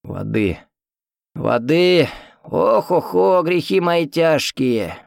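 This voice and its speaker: A man's voice: fairly high pitch, big pitch swings, extremely slow, vocal fry, no room sound, clean studio sound, voice pushed up, exaggerated voice. A man voicing a talkative, grumbling old man in a hospital ward, folksy and fussy. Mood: chatty. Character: chatty old male hospital patient, grumbling.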